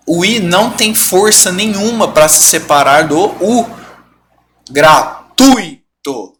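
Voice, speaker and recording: A Brazilian man teaches a live online grammar class, stretching out example words and constantly checking that his students follow. His voice is high and bright, and his pitch swings widely as he explains. A faint hiss of room noise sits behind him. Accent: Brazilian Portuguese. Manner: explains step by step, keeps checking in with "tá bom?".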